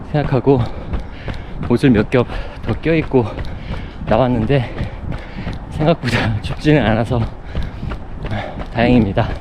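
A man records a reflective running vlog outdoors, with clear urban noise around him. He talks while running, in short broken phrases and at a medium pitch. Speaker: running vlogger. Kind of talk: reflective casual vlog monologue. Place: outdoors on city running paths.

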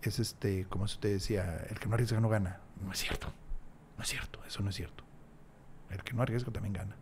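A man's voice: lowish voice, fairly even intonation, a little fast, a little mellow, a little hiss or hum. A man, a podcast guest talking reflectively and emphatically with frequent restarts, on a desk mic in a small studio. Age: 60s. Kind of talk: casual interview chat. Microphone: large desk mic, headphones.

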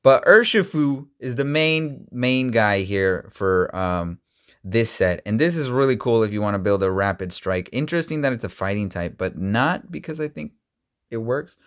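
A man in his thirties chatting casually as he opens trading card packs, rambling with many ums and restarts, his voice jumping high when surprised. He talks from an indoor room on a webcam and desk mic. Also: lively intonation, normal speed, clear, resonant tone. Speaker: YouTuber opening card packs. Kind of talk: casual card-opening vlog.

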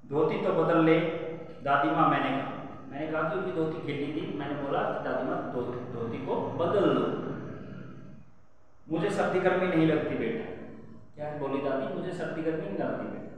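A man's voice: a little high, a little fast. A male teacher reads a textbook story aloud to children, then explains each line in simple words and asks the class questions. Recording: echoey room, voice from far off, faint noise.

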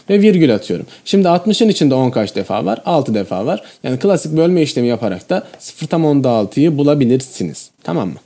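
A man's voice: mid-range voice, warm tone. A man teaching a math lesson, explaining each step and often checking in with the viewer.

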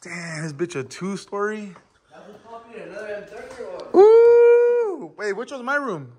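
A man's voice: high-pitched, wildly swooping pitch, takes it slowly. Young man vlogging casually, loose and profane. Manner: loose, profane, joking with friends. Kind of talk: casual vlog narration. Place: gas station, car and new house. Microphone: handheld phone camera.

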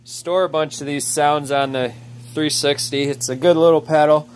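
Faint music plays behind a chainsaw carver in his thirties as he talks through his wood in a loose, easygoing how-to vlog, filmed on a handheld phone around his cluttered workshop and yard, partly outdoors. His voice is on the high side, with a steady tone and moderate pace.

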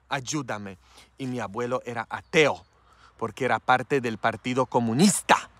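Polish-born priest preaching frankly. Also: male voice, mid-range voice, fairly bright tone, no echo. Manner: frank and tender, with constant "mm?" tag questions. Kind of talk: informal preaching talk.

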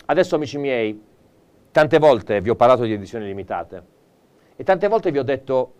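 Man, TV shopping presenter, live sales pitch, theatrical, enthusiastic, medium pitch. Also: lively intonation, normal speed, darkish tone, smooth.

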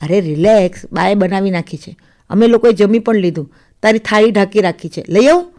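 A woman voicing a gentle, patient young husband who coaxes his wife softly. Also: mid-range voice, animated, brisk, lightly acted. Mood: soothing. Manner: soft, coaxing.

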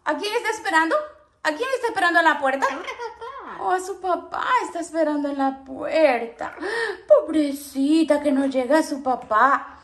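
A woman's voice: high voice, normal speed. A woman talking playful baby talk to her pet parrots, cooing and often laughing.

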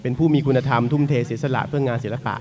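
A man moderating an academic seminar, introducing the panelists in a polite, unhurried manner. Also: medium pitch, fairly even intonation, darkish tone. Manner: polite, unhurried, frequent particle "na khrap".

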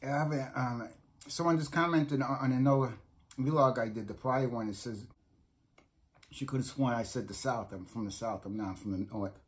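In a small room at home, a middle-aged man with a New York accent films a laid-back food review on a close-up phone or webcam. His medium-pitched voice moves at a moderate pace, and he wanders, repeats himself, and often starts sentences over.

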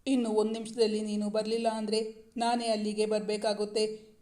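A woman's voice: medium pitch, monotone, brisk, warm tone, close to an everyday voice. A woman voicing a playful, teasing young husband in a romance story read aloud. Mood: impatient. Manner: teasing, coaxing.

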